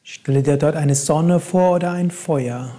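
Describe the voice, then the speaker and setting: A man guiding a meditation in a calm, soft-spoken way, with long pauses between instructions. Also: a little high. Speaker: meditation guide.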